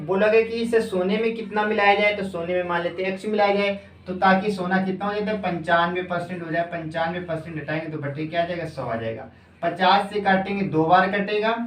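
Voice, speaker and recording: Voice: mid-range voice, distant mic. Echoey teacher answering own questions. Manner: asks the class questions and answers them itself; repeats phrases slowly as if dictating. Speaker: coaching class teacher. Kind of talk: exam-prep math lesson. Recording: echoey room, voice off-mic.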